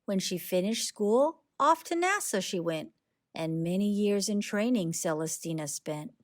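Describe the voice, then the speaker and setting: Her voice sits in the mid range as she reads aloud from a rhyming picture book for children. She tells the story expressively and deliberately.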